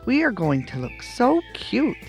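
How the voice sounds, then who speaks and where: Man acting as young female duck, storybook cartoon, eager, bossy, raised pitch, lively swings. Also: unhurried, vocal fry, soft background music, full character voice. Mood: excited. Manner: eager, exclamatory.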